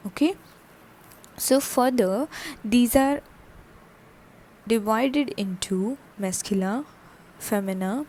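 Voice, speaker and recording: A woman teaching a French lesson in English, slowly repeating each word and saying "okay" often. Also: medium pitch, a little mellow, slight background noise. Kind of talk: online language lesson.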